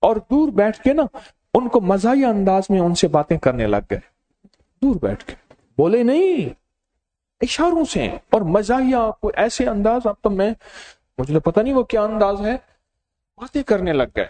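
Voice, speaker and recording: A man giving a sermon, telling stories and speaking directly to his listeners in an animated way. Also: sits high. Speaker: religious preacher. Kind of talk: storytelling sermon.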